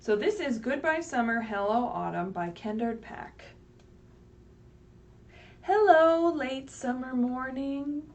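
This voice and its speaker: In a high, very lively voice, a children's librarian takes it slowly at story time, pausing often as she reads a picture book to small children. Sing-song and simple in her explanations, she keeps checking in with little questions and "right?". Her livestream audio sounds a bit distant from the mic, with faint background noise.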